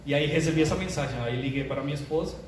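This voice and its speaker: An older man, a pastor, opening his sermon with jokes in a chatty, animated way. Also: on the high side, racing. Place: church sanctuary. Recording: echoey church hall, distant mic, room noise.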